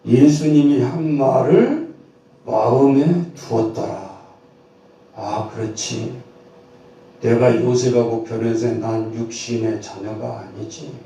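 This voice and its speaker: A man's voice: mid-range voice, slow pace, dark tone, a little hiss or hum. A man preaching a Sunday sermon as pastor, emphatic and asking his congregation questions. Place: church sanctuary. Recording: echoey church hall from far off.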